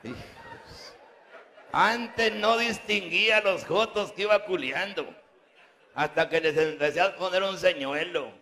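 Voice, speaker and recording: A man doing raunchy live stand-up, loudly teasing the audience with crude jokes. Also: sits high, measured pace. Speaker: live comedian.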